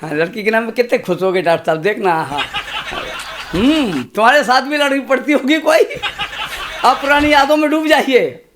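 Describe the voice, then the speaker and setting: A man in his sixties, a comic poet reciting humorous verse on stage in a slow, sing-song way with chatty asides to the audience. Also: very high voice, noisy background. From India. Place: stage at a poetry gathering.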